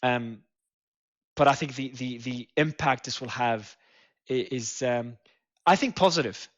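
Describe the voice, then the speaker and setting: Male panel host, mid-pitched, halting with fillers and restarts, on dull lo-fi stream audio. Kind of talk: live news panel discussion.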